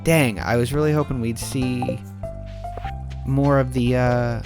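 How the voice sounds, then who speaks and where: With background game music playing clearly, a man narrates his gameplay slowly in a medium-pitched, fairly even voice. He is sleepy and yawning, rambling casually, restarting sentences and using many fillers.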